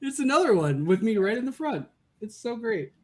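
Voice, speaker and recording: Upbeat teasing man, high voice. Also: big pitch swings, fairly quick, a little mellow. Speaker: co-host. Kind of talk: casual livestream chat.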